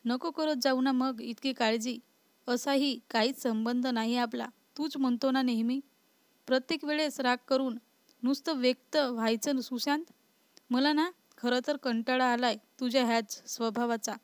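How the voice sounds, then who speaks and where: A woman's voice: high-pitched, fairly even intonation, moderate pace, clear, resonant tone, no echo, natural voice. A woman voicing a stubborn, spirited young wife in a storybook reading, with a defiant, retorting manner.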